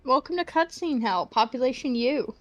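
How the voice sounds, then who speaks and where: A man putting on a high, shrill, drawn-out mocking voice. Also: expressive, fairly bright tone, dry recording, soft background music.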